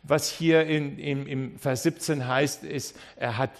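A man preaching a sermon as a pastor, telling the story in a lively way, often restarting and repeating words as he goes. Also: medium pitch, slow pace, vocal fry. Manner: lively storytelling that acts out the characters.

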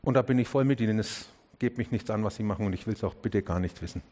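A man preaching a sermon to his congregation, asking questions earnestly and speaking to them directly. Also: fast. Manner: drops low and quiet on key words, rises when urging. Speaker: pastor.

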